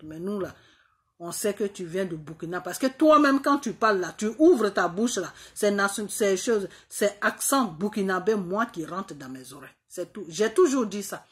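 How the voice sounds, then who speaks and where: Indignant woman ranting. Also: on the low side. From Côte d'Ivoire. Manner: indignant and mocking, heavy filler "là", repetitive. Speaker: political commentator. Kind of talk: heated political rant to camera.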